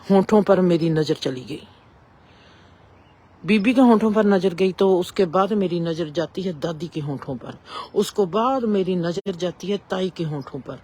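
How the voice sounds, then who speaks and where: A woman telling a reflective spiritual story in a slow, measured way with long pauses. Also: fairly low pitch, warm tone, breathy edge.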